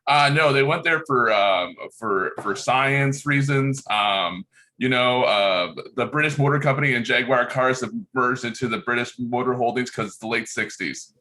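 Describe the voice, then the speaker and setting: A man's voice: mid-range voice, moderate pace, bright, forceful tone, close to an everyday voice. A man playing a rambling dad who keeps insisting it is the late sixties, in an improv comedy scene, full of ums and uhs. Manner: rambling, full of fillers, giggly.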